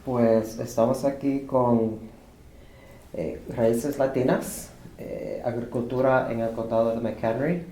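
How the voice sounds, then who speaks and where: A man interviewing someone, asking halting, searching questions. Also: mid-range voice, mellow. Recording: roomy room with faint noise.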